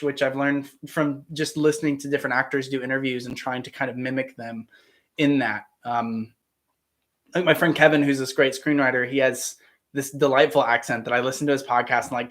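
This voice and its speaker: An actor from Ohio hosts a live Q&A on a casual livestream, chatting enthusiastically in a standard American accent. His mid-range voice is a bit bright, and his speech has many fillers and restarts.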